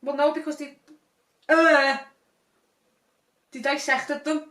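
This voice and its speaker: A woman co-hosting a casual chat podcast, giggly and animated, recorded roomy and from a distance. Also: sits high, takes it slowly. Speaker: podcast co-host.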